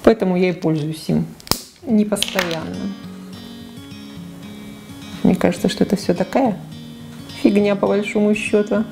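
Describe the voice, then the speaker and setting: Faint music plays behind a woman in her forties whose medium-pitched voice is steady, measured, a little mellow, and touched with vocal fry and long pauses. A beauty vlogger, she talks frankly about her makeup to camera in a small living room on a lapel mic, often using fillers and correcting herself.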